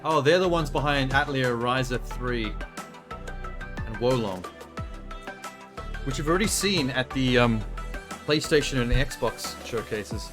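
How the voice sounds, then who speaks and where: A man's voice: mid-range voice, lively intonation, unhurried, pauses often, over music. A man giving casual, offhand live reaction commentary as a streamer, speaking bluntly and swearing freely. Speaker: livestreamer reacting to a game show broadcast.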